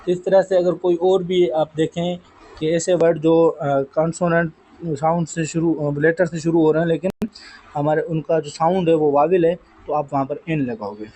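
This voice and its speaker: A man's voice: fairly high pitch, steady tone, moderate pace, warm tone, rough recording. A man teaching an English grammar lesson, explaining patiently and calling his students "beta".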